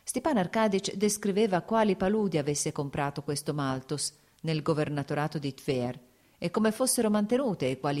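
A woman narrating a novel aloud in a measured, even reading style. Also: low-pitched. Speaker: audiobook narrator. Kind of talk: scripted narration.

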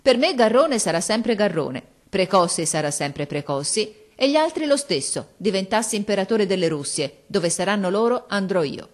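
An earnest, loyal schoolboy, as a woman reading a storybook puts him on. He speaks in an emphatic, indignant way, pitched well above the reader's usual low voice. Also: expressive, normal speed, hardly any pauses, lightly acted.

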